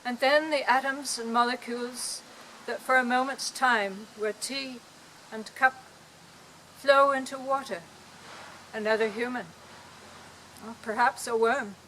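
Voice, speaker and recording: A woman voicing a gentle, thoughtful older British male artist in an attempted English accent, speaking slowly and tenderly outdoors. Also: a little high, steady tone, slight background noise, low-quality recording. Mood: musing. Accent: English, as put on. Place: outdoor park.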